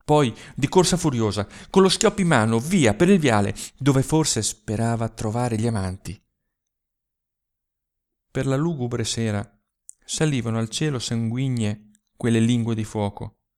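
A man narrating a literary short story aloud, reading expressively and dramatically with slow, emphatic pauses. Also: mid-range voice, darkish tone. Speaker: audiobook narrator.

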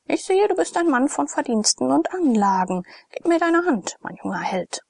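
Woman doing a gruff old ex-gladiator innkeeper. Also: high voice, big pitch swings, moderate pace, darkish tone, dry recording, studio quality, pitched above the performer's own voice, full character voice. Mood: grudging. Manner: bellowing, boastful.

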